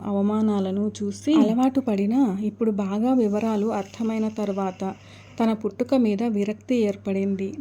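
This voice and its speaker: A woman narrating a family drama as a steady, emotive storyteller. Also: mid-range voice.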